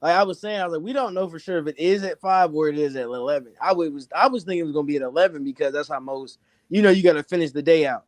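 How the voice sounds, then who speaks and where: A man co-hosting a sports podcast, hoarse from screaming, telling stories in an animated, excitable way. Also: fairly high pitch, no room sound. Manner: animated storytelling, fast and excitable. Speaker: podcast co-host.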